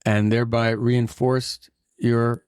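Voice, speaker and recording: A man's voice: mid-range voice, flat delivery, slow, a little mellow, clean tone, no room sound. A man co-hosting a podcast, trading casual banter with dry, needling wit. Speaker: podcast co-host. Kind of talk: casual comedic chat.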